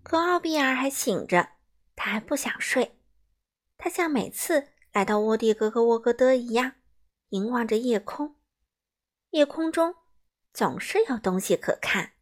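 A woman narrates a children's storybook, speaking gently and directly to young listeners. Her voice sits high for a woman. The reading is calm and clear. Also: unhurried, pauses often.

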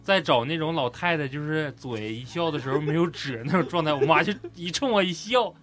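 A man's voice: on the high side, a little fast. A man chatting casually and telling anecdotes in an earthy, vivid way. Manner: earthy, vivid storytelling with swearing. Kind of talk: casual group chat, anecdotal. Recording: music playing behind the talk.

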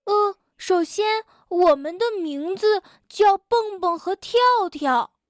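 A woman's voice: very high voice, slow, dry recording, clean studio sound, pitched above the performer's own voice. A woman doing a timid little animal. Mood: nervous whisper. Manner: hushed, nervous, hesitant. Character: timid young male animal, nervous.

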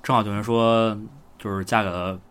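A man's voice: on the low side, fairly even intonation, moderate pace, a bit bright, clear, resonant tone. A man hosting a casual conversational podcast, asking rambling questions and paraphrasing what he hears. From China, outside Beijing. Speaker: podcast host.

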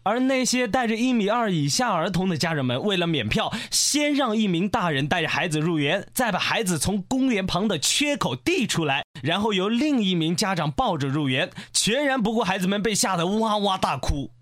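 A male radio comedy host reading out a news item in a lively, comic way. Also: high-pitched, moderate pace, hardly any pauses.

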